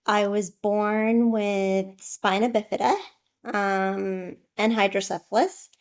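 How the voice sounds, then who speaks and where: A woman's voice: medium pitch, steady tone, slow pace. A woman in her twenties from Iraq, a podcast guest telling her story thoughtfully and candidly. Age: 20s. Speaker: guest, author. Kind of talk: interview.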